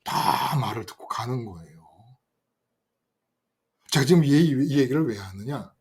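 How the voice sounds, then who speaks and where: An older man preaching a sermon, telling a story from his youth in an animated way and speaking directly to his listeners. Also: medium pitch, measured pace, slightly rough. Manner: animated, acts out quoted voices and addresses listeners directly. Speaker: pastor.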